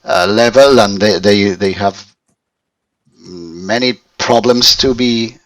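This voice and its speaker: Halting Spanish-accented man in his fifties. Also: lowish voice, fairly bright tone, no room sound, distant mic, low-quality recording. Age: 50s. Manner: halting, searching for words with many restarts. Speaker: language student. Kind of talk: conversational English lesson.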